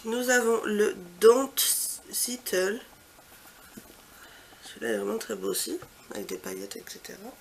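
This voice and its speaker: A woman beauty vlogger talks through a swatch walkthrough with a gravelly, creaky edge to her mid-pitched voice. She heaps on the superlatives, then drops into soft, murmured asides. A faint hum of background noise sits under her. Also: measured pace, long pauses. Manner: chatty, trails off into soft quiet asides; gushing, repeats superlatives. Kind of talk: casual product swatch walkthrough.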